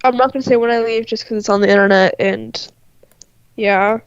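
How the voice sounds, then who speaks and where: A woman's voice: medium pitch, steady tone, fairly quick, clean tone. A woman chatting on a livestream with a stuffy nose and a nasal sound, laughing often and saying "like" a lot. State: stuffy-nosed, congested. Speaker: artist on a livestream. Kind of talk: casual chat. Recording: dry, dull lo-fi stream audio.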